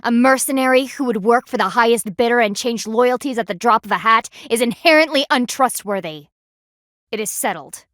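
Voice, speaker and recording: In studio-quality audio without echo, a woman voices a video game's panda warrior using a natural, fairly bright voice that's a little high and a little fast. The character, an anthropomorphic panda woman and loyal military guardian, comes across stern, proud, and businesslike, speaking in clipped, formal commands.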